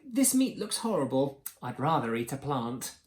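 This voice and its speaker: A woman voicing a young, gentle, timid Tyrannosaurus boy with a plaintive, hooting delivery. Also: a bass voice, big pitch swings, normal speed, echoey room. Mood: apologetic.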